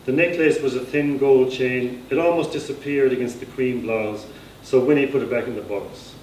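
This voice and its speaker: An Irish-accented man reads an extract from his own literary novel as scripted narration at an indoor society gathering. His mid-range voice is steady and darkish, at a moderate pace. The room echoes, the mic is distant, and there is faint noise.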